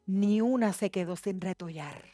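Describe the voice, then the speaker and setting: A woman pastor preaching a sermon, moving from soft, hushed passages to loud, impassioned declarations. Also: medium pitch, moderate pace, no echo, soft background music. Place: church.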